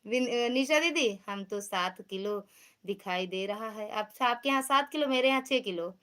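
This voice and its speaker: Bright-voiced Awadhi woman hosting a live stream. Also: on the high side, moderate pace. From Uttar Pradesh. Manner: chatty, teasing, greets viewers by name. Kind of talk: casual live-stream chat reading out viewer comments.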